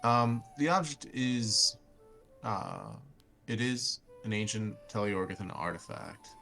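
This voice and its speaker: A man improvising narration as game master of a tabletop fantasy game, halting as he thinks aloud. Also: fairly low pitch, very animated, creaky, sharp tone, faint music behind.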